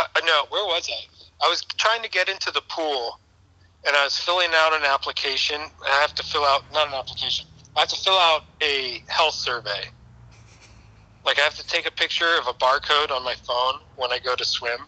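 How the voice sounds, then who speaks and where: A man's voice: medium pitch, pushed and bright. A man calling in on a phone set to speaker, chatting casually and rambling through a story with self-corrections. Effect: heard over a phone on speaker. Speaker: phone caller. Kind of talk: casual chat. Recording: tinny phone speakerphone audio.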